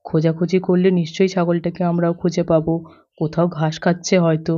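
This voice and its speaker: A woman voicing a kindly grown man in a doll story, speaking in a gentle, reassuring tone. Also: fairly low pitch, little pitch movement, fast, lightly acted. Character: kindly helpful grown man, calm neighbour. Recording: dull lo-fi dry recording.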